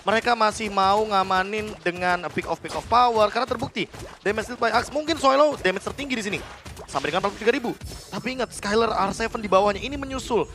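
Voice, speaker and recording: Quick high-voiced Indonesian male esports analyst. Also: pushed and bright, soft background music. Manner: explanatory, mixes in English game terms.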